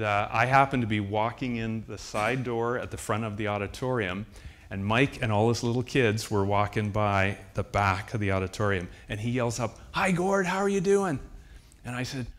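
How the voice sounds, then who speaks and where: A man, preaching a sermon as a pastor and telling a personal story in an earnest, heartfelt way with slow, emphatic repetitions. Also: lowish voice, a bit bright. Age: 60s.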